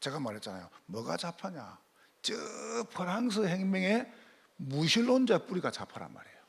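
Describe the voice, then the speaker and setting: A man's voice: high voice, very animated, normal speed, creaky, breathy edge. A man preaching a sermon as pastor, firing rhetorical questions at his congregation.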